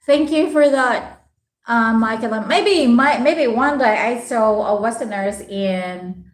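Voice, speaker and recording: A woman from the Philippines with a Visayan (Bisaya) accent, chatting casually as a livestream host in a polite, halting way. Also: on the high side. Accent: Filipino, Visayan (Bisaya). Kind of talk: casual live chat, answering viewers' comments. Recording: roomy, echoing room sound.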